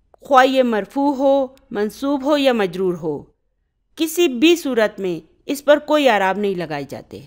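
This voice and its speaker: This Arabic teacher, whose first language is Urdu, has a slightly high voice with a darkish tone. Her grammar lesson moves step by step, and she repeatedly makes sure the students are keeping up.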